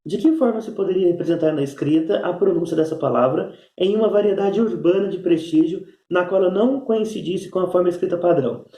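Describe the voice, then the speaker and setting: The speaker is a man from Minas Gerais, Brazil, teaching a recorded remote lesson in which he walks through exercises, often using fillers and tag questions. The room is echoey, and his high, dark-toned voice moves fairly quickly with few pauses.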